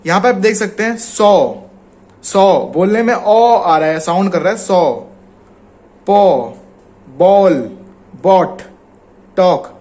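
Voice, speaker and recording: Indian man teaching, higher-pitched voice. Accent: Indian Hindi. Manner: explains slowly, repeats example words. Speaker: shorthand teacher. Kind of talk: casual spoken lesson.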